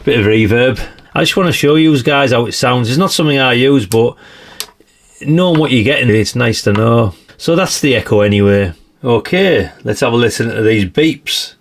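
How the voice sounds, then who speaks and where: A man with a slightly croaky voice, chatting casually through a radio review and tossing in tag questions. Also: mid-range voice, lively intonation, moderate pace. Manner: chatty, adds tag questions like "isn't it, really?". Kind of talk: casual product demonstration.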